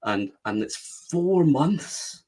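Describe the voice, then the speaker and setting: A man's voice: fairly high pitch, big pitch swings, very slow, darkish tone. A man with a West of Scotland accent, speaking as a guest on an interview podcast and stressing his points with repeated phrases. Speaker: guest, book strategist.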